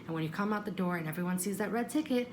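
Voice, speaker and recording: A woman vlogger tells a story in a casual, chatty style, animatedly acting out what people said. Her medium-pitched voice races along. Noticeable background noise runs through the recording.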